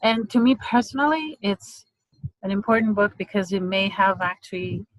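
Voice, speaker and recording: A middle-aged woman from Romania, an English lecturer giving an online presentation in a measured way, pausing often with fillers. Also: medium pitch, expressive, dry recording, low-quality recording. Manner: measured, hesitant with frequent fillers.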